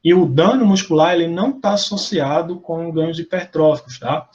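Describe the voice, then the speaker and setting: Brazilian-accented male lecturer, halting explanatory delivery, muffled lo-fi call audio. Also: a little high, a little mellow. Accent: Brazilian Portuguese. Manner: explanatory, frequent fillers and self-corrections. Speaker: lab meeting presenter. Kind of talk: academic lecture with discussion.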